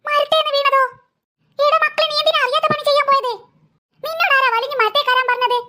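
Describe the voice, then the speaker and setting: A woman voicing a sharp-tongued cartoon mother who scolds and nags her children. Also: extremely high pitch, fairly even intonation, fast. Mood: scolding. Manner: scolding, nagging. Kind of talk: cartoon voice acting.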